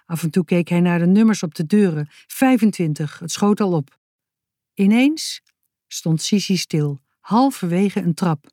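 Een vrouw die levendig en expressief een kinderverhaal voorleest. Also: female voice, fairly low pitch, a little slow, no echo, clean studio sound. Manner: lively, expressive reading. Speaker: narrator. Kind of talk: reading a children's story aloud.

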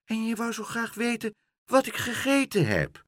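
A man's voice: very high-pitched, wildly swooping pitch, moderate pace, a bit bright, no echo, clean studio sound, pitched above the performer's own voice, full character voice. A man voicing a sly, boastful tomcat in a children's storybook reading. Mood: smug teasing. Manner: smug, teasing.

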